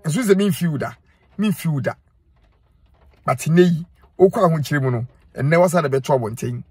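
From inside his car, this middle-aged Ghanaian social media commentator lectures his phone camera in Twi, giving earnest, scolding direct-to-camera advice and repeating himself for emphasis, the phone close by. He talks at a moderate pace in a voice on the high side, a little mellow and slightly rough, with no echo.

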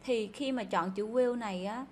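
A woman's voice: fairly high pitch, normal speed, a little hiss or hum. A woman whose first language is Vietnamese, with a Vietnamese accent, teaching English in a chatty, explanatory way and repeating each word aloud for her students. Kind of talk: casual explanatory lesson.

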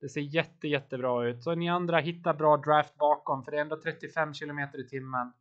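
A man's voice: on the high side, steady tone, a bit bright, muffled recording. A man coaching his team live over voice chat during a virtual bike race, encouraging riders and calling out watts and turns.

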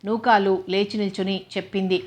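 A woman narrating a novel in a steady, even storytelling manner. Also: mid-range voice, brisk.

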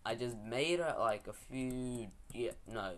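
A man's voice: mid-range voice, takes it slowly, slight background noise. A young man giving casual, rambling, slangy gameplay commentary as a video host.

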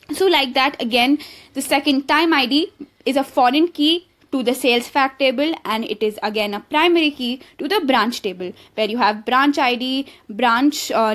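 A woman's voice: a little high, fairly bright tone. A woman teaching an online course, explaining slides step by step, with many fillers and restarts along the way. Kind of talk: explaining slides in a recorded lesson. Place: voice-over on slides.

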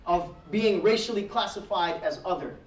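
A guest speaker from Trinidad in his thirties shares his personal story with a classroom at a heritage month event, gesturing as his reflective storytelling builds in intensity. His voice sits high, at a moderate pace. He stands away from the podium mic in a room with a projector screen, so the recording is echoey and distant.

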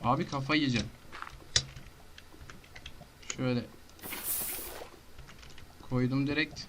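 A man casually narrates his own gameplay, muttering to himself and then erupting into frantic shouts and rapid-fire repeated words. His mid-range voice holds a steady tone over a noisy background.

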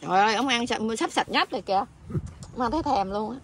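High, bright woman. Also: lively intonation, fast, a little hiss or hum. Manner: chatty, teasing, laughs often. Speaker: vlogger handing out food. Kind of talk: casual outdoor chat. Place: outdoors at a tent camp.

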